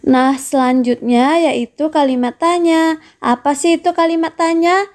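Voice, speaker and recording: High-voiced woman teaching a lesson. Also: steady tone, measured pace, darkish tone. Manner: friendly, addresses pupils with questions. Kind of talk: primary school lesson narration.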